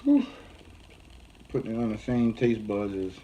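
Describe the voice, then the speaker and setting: A man talks casually through a spicy food challenge, his mouth burning. His pitch jumps around in a very lively way, with exclamations breaking into the chat. There is clear noise in the recording. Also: measured pace, muffled recording. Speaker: host of a hot sauce challenge video with spouse.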